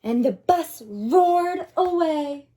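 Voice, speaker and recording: A woman reads a children's story as a teacher would, in a high voice that moves up and down a great deal. She reads a picture book very slowly with dramatic pauses, now and then turning to her young listeners with an expressive aside.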